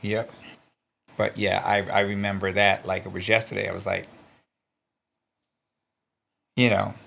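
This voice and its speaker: A middle-aged man with a low voice and a gravelly, fry-laden edge talks bluntly and earnestly in an interview. He sounds emotional and close to tears, and he swears freely as he reflects on reading his old journal aloud. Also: level tone, a little slow, a bit bright. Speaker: interview guest, stunt performer.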